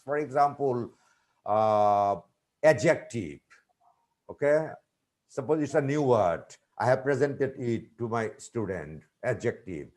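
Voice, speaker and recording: A middle-aged man answering questions in a teaching webinar, speaking in a measured, teacherly way with many filler pauses and repeated points. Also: mid-range voice, a little mellow. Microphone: video call.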